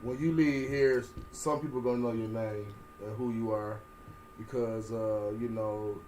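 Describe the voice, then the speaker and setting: A man's voice: fairly low pitch, steady tone, moderate pace, darkish tone, slight background noise, low-quality recording. A man hosting a casual talk show, laid-back and agreeable, often chiming in with short affirmations. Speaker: host. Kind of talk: casual chat.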